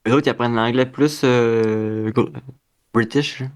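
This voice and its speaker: A man's voice: mid-range voice, fairly even intonation, unhurried, smooth. Rambling Québécois guy, easygoing. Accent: Québécois French. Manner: rambling, self-correcting, slangy. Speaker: podcast co-host. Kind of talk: casual chat.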